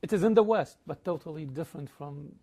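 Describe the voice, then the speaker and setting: A man hosting an interview, asking earnest, measured questions. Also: fairly high pitch, warm tone. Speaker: interviewer host.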